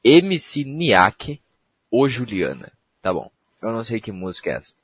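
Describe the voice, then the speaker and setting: Young man, slangy solo podcaster, husky and dry. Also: fairly low pitch, very animated, measured pace, a bit bright, no echo. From Brazil. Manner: rambling, slangy, self-mocking. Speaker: podcast host. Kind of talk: casual solo podcast monologue.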